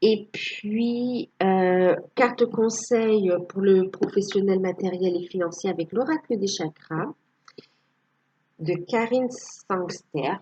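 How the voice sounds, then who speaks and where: A woman's voice: mid-range voice, slow pace, mellow, muffled recording, a little hiss or hum. A woman giving a casual tarot reading to her viewers, hesitant and full of fillers. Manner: hesitant, many fillers, tags with "hein". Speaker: tarot card reader.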